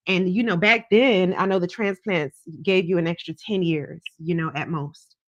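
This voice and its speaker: A woman's voice: on the low side, fairly even intonation, moderate pace, no echo, lo-fi sound. An American woman hosting a live call-in tarot show, chatting casually in a folksy, encouraging way and speaking straight to her listeners. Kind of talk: casual live-stream chat with callers.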